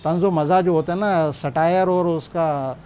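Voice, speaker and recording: A man talks in a reflective documentary interview, unhurried and with small restarts. His voice is pitched high with a mellow tone, and faint noise sits behind him in the room. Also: fairly even intonation. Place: indoor room.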